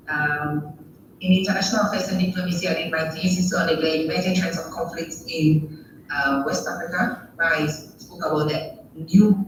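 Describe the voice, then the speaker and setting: A woman's voice: sits low, background noise. A woman from Ghana, formally introducing herself to a panel over a video call. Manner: polite, formal greetings, laughs lightly. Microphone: video call played over room speakers. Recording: echoey room audio picked up from far off.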